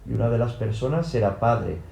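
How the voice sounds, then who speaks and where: A man reading a first-person audiobook narration in an even, literal way, in a roomy-sounding recording. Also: mid-range voice, fairly quick, creaky. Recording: roomy echo.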